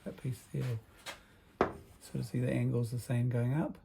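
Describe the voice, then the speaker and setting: A man presenting a workshop vlog to children as a builder, in a bright kids' party host manner, explaining things simply and checking in with tag questions. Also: medium pitch, normal speed, vocal fry, heavy background noise.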